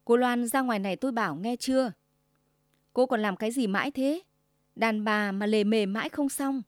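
Woman doing a bossy old mother-in-law, shrill and sharp, scolds loud and high. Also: moderate pace, dry recording, clean studio sound, lightly acted. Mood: scolding. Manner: shrill, commanding, sugary then scolding.

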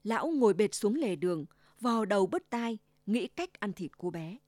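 A woman reads a children's fairy tale aloud in an expressive storyteller's voice. Her pitch sits in the middle range. The recording is dry and close. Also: normal speed, no room sound. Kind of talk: scripted fairy tale narration.

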